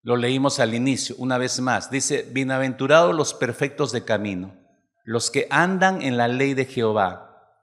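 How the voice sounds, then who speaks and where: A man's voice: medium pitch, moderate pace. A man preaching a sermon, often asking the congregation rhetorical questions. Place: church hall. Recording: long hall reverb.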